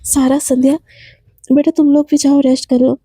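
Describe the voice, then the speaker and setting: Soft-spoken, motherly middle-aged mom, read by a woman narrator, high and mellow. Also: little pitch movement, normal speed, no echo, clean studio sound, lightly acted. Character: middle-aged mother, gentle but worried.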